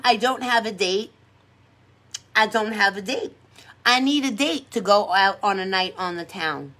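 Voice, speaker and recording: Middle-aged woman, New York accent, livestream host, brash and chatty, fairly high voice. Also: bright, forceful tone. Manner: chatty, brash, laughs often, repeats herself. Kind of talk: casual live chat while doing makeup.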